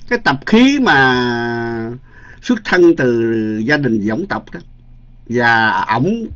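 Male Buddhist monk, mid-pitched, rambling dharma-talk storyteller; lo-fi recording. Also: a bit bright. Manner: chatty storytelling with many fillers and repeated words. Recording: dull lo-fi recording.

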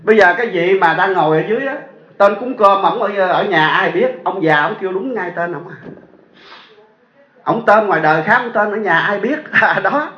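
A man's voice: sits high, normal speed. A man with a Southern Vietnamese accent, a Buddhist monk telling a story in a sermon and putting rhetorical questions to his audience. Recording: echoey dull lo-fi sound.

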